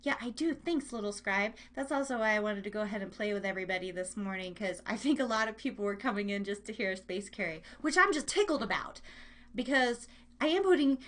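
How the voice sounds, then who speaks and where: She speaks at a medium pitch, animated and a little fast, with a somewhat bright tone. Hosting her live online radio show, this radio and podcast host rambles in playful, casual chat, frequently stopping herself mid-sentence as she addresses listeners.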